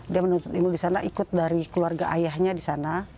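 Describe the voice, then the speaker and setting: A middle-aged woman tells her own story in a relaxed, chatty interview. She talks with many fillers and restarts and slips into the voices of the people she quotes. Faint background noise and birdsong sit behind her voice. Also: lowish voice, fast talker, highs cut off. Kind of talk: casual personal storytelling.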